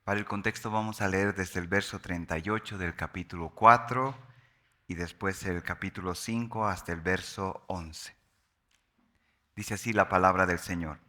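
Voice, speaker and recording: A male pastor reads scripture aloud during a sermon, his voice bright and forward. He takes his time, lingering on the key phrases with slow, solemn weight. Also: on the low side. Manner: measured, solemn reading with slow emphatic pauses.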